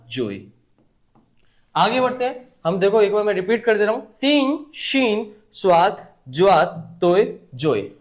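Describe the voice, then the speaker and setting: A male teacher leads an online lesson in a high, animated voice, his pitch swinging widely. He repeats each point and quizzes the class to answer back, talking casually like an older brother. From India. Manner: repetitive call-and-response teaching; colloquial, addresses class as brother.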